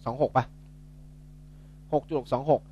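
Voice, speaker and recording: A man's voice: a little slow, darkish tone, dull audio, a little hiss or hum. A young man tutoring physics in a casual, chatty way, joking and correcting himself as he works through problems.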